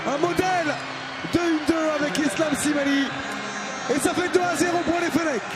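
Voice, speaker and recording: A man giving excited live football commentary in a raised, shouting voice. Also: extremely high pitch, normal speed, over loud music. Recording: very noisy stadium, roaring crowd. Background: loud stadium crowd.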